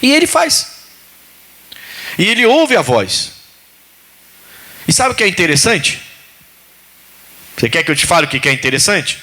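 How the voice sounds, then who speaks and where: A male pastor, preaching a sermon in a lively way and acting out biblical voices. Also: sits high, normal speed, pauses often.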